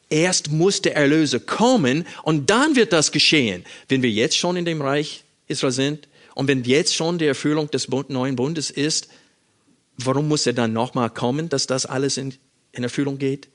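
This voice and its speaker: A man giving a Bible-teaching sermon, reading verses aloud and explaining them, addressing his listeners with direct questions. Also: mid-range voice. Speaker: preacher.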